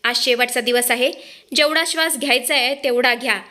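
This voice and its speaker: A woman's voice: on the high side, moderate pace, pushed and bright. A woman voicing a cruel young villain who threatens his captives, in a retold soap story. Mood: menacing. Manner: menacing threats told in retelling.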